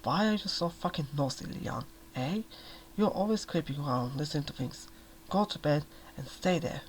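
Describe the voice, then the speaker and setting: In a soft-spoken ASMR reading, a male reader voices a desperate, exhausted young mother, raw and pleading, with an angry mood. His voice is gravelly, a little high, fairly even in intonation and fairly quick, with faint background noise.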